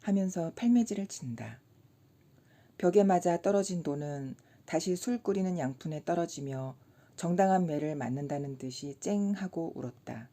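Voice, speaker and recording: A woman reading a short story aloud in a calm, even bedtime audiobook narration. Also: deep voice, moderate pace.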